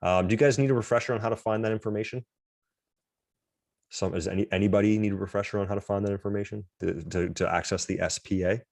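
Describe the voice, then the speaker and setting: A man's voice: on the low side, fairly even intonation, quick pace, creaky, a little mellow, no room sound, studio quality. A man teaching an online class, talking casually and self-deprecatingly with frequent restarts over a video call. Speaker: instructor.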